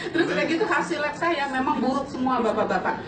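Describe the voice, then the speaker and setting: A woman in her late forties giving an animated personal testimony to an audience, laughing often and turning to address the listeners directly. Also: high-pitched, fast talker. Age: late 40s. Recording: echoey hall, distant mic, audience around.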